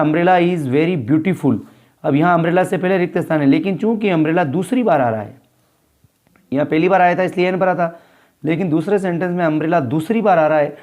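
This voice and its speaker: Indian guy tutoring kids thru an english worksheet, kinda high voice, reads examples real slow. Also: darkish tone. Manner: reads English sentences slowly, explains in Hindi. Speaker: teacher. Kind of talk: workbook lesson walkthrough.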